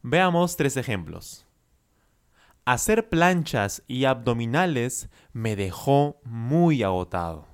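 A man teaching as a Spanish coach, enunciating slowly and carefully through repeat-after-me drills and praising the listener often. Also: medium pitch, very animated, clear, resonant tone.

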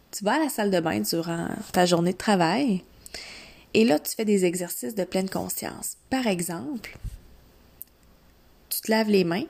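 A woman with a Quebec French accent speaks slowly at an average pitch, like a coach guiding a single listener. She gives instructions in short, deliberate phrases and often repeats them for emphasis. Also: a little mellow. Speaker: mindset coach. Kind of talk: instructional coaching talk, addressing one listener informally.

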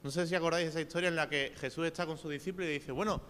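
A man with a Spain Spanish accent delivers a sermon in an earnest, direct way, asking his listeners questions. His voice sits a little high for a man. The hall around him rings with a long reverb, and a faint hum runs underneath. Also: steady tone, very fast, fairly bright tone. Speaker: preacher. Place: church hall.

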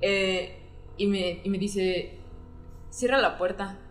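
Speaking slowly in a mid-range voice, a woman with a Mexican accent spins a story in casual talk. She brings it to life by imitating the voices and quoted words of those involved, recorded with roomy echo and faint music.

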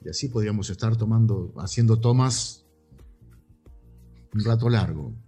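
Argentine voice actor, fifties, lively storyteller, music faintly behind. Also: male voice, on the low side, normal speed, husky. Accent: Rioplatense Argentine Spanish. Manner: animated, gesturing storyteller. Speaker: voice actor guest. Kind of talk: casual interview over a call.

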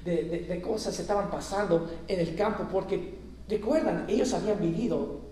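A man's voice: high voice, moderate pace, mellow, a little hiss or hum. A man preaching a sermon, building intensity as he retells scripture, with stumbles and restarts. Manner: preaching with rising intensity, frequent self-corrections. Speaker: pastor. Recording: echoey hall, distant mic.

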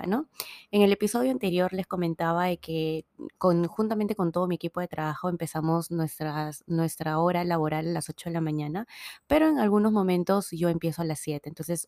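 A woman's voice: on the low side, a little mellow, dry recording, studio quality. A woman, hosting a podcast in a chatty, casual monologue full of fillers and restarts, sounding a little tired. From Peru. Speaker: podcast host.

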